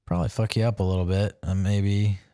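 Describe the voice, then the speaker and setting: A young man co-hosting a podcast in casual chat, blunt and quick to swear. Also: deep voice, fairly even intonation, mellow, dry recording, clean studio sound. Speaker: podcast co-host.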